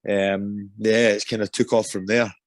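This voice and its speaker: A young Scottish man with a low voice answers interview questions in a loose, halting way, full of ums and restarts. The sound is close and dry, with no room around it. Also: little pitch movement, no room sound. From Scotland. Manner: hesitant, many ums and restarts. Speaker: interview guest, MMA fighter.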